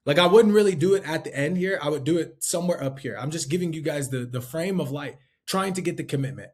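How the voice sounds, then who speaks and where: A man's voice: a little high, fast, darkish tone. A man teaching life insurance sales in a loose, conversational way, full of fillers and tag questions. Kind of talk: casual instructional talk.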